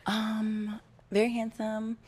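A woman's voice: fairly high pitch, monotone, slow pace, darkish tone, dry recording. A young woman contestant on a dating show, speaking casually and hesitantly, with many ums, into a handheld mic. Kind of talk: casual chat. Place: bright indoor studio set.

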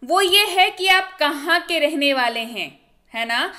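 A young woman, her voice high and bright, teaching spoken English over lesson slides. She asks questions and answers them herself, and she repeats each example slowly. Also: animated. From India. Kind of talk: online video lesson.

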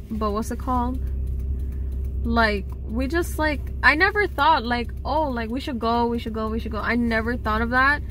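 A young woman with a slightly high voice chats to her followers from a car seat. She rambles casually, peppering her talk with fillers and small laughs. The dashboard camera picks up a noisy car interior around her. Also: sharp tone. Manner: chatty, lots of fillers and laughs. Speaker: vlogger. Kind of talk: casual vlog chat. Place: parked car, passenger seat.

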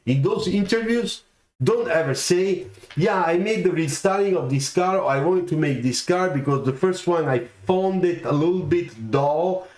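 A man's voice: high voice, normal speed. A middle-aged man, giving career advice on a livestream from a home studio, gesturing and often checking in with "okay?". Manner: animated, gestures a lot, keeps asking "okay?". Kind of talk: livestreamed talk to viewers. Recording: roomy echoey room sound.

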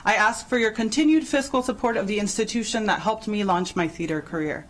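A young woman from El Salvador reads prepared testimony in a composed, steady way into a desk microphone in a large council chamber. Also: medium pitch, fairly quick, rough recording. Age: young adult. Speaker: public hearing speaker, college graduate. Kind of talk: prepared public testimony read aloud. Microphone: desk microphone on a stand.

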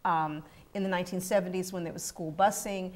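Middle-aged woman academic, lowish voice, calm lecturing delivery, studio lapel mic. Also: a little fast. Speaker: university professor. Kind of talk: panel discussion. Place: TV studio set.

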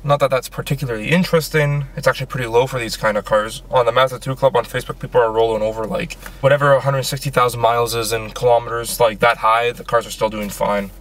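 A fast-talking young vlogger from Canada, medium-pitched with a fairly bright tone, barely pauses as he rambles casually with ums and restarts. He films first in a small car, then outdoors in a snowy lakeside parking lot.

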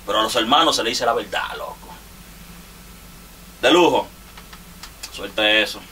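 A man's voice: lowish voice, expressive, unhurried, pushed and bright, slight background noise. A man with a Dominican Spanish accent jokingly roasting fellow artists in a rambling, laughing monologue. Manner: teasing, rambling, laughs often. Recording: distant mic with faint ambience.

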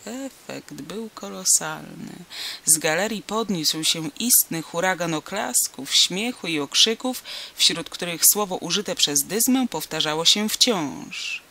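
A narrator reading a classic novel aloud as an audiobook, with lively expression. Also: medium pitch, a little slow, few pauses, a little hiss or hum.

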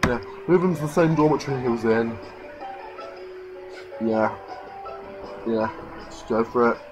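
A man's voice: mid-range voice, a little slow, music in the background, poor audio. A man giving irritated, ranting let's play commentary over a life-sim game. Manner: frustrated, ranting, swears mildly. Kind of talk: gameplay commentary.

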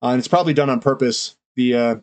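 A man's voice: mid-range voice, fast, dry recording. Man, congested from a cold, rambling market commentary, frequent fillers, dry close recording. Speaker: finance channel host.

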